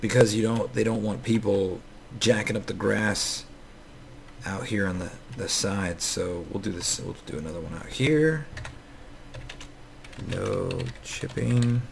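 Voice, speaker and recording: Gravelly-voiced man rambling through gameplay. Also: lowish voice, normal speed. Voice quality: scratchy morning voice. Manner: rambling, many fillers and restarts. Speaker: Minecraft let's player. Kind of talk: casual gameplay commentary.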